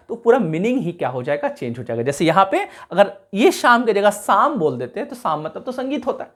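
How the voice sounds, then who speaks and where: A man teaching a class, explaining carefully, repeating key sounds slowly and checking whether his students follow. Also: sits high, a bit bright. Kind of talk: classroom lecture.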